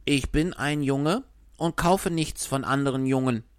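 A woman's voice: very deep voice, measured pace, no echo, studio quality, pitched below the performer's own voice. A woman voicing a teasing, sensible village boy who mocks the puppet's offers. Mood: mocking.

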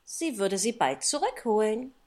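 A man's voice: high-pitched, big pitch swings, a little slow, a little mellow, pitched above the performer's own voice, heavily acted. A man voicing a polite, curious and eager little girl in an audiobook reading. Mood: wistful. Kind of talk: audiobook character voice.

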